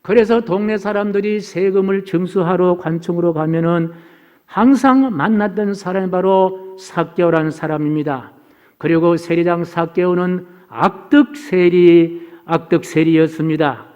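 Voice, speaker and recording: A man's voice: sits high, fairly even intonation, normal speed, darkish tone. Earnest preaching pastor, man, in a reverberant hall. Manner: earnest preaching, opens with recited verse. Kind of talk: sermon. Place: church sanctuary.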